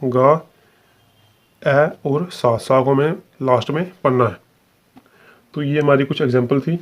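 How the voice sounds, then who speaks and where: A man's voice: medium pitch, fairly even intonation, unhurried, lo-fi sound. A man teaching a shorthand lesson, explaining step by step in a patient, repetitive way and often checking in with the class.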